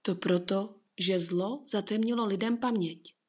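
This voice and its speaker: A woman's voice: medium pitch, darkish tone, husky, close to an everyday voice. A woman playing Gabriela, a soothing being of light. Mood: gentle. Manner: slow, soothing, patient.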